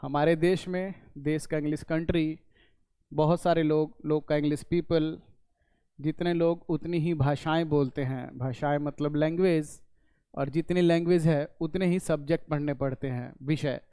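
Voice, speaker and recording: A man teaches an English lesson in a slightly high, mellow voice. His tone is smooth and resonant, recorded close in a dry room. He goes step by step, repeating points and answering his own questions. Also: fairly even intonation, moderate pace, no echo. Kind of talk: classroom lesson explaining in Hindi.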